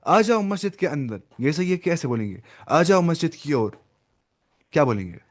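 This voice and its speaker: A man's voice: on the high side, lively intonation. A man teaching an online language class, explaining step by step, mixing in English words and quizzing his students by name. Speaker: Arabic teacher.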